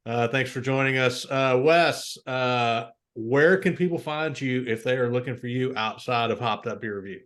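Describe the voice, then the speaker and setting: A man's voice: mid-range voice, normal speed, hardly any pauses. Easygoing male beer-review host. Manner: relaxed, easygoing, frequent "uh" fillers. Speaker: podcast host. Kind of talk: casual beer review chat.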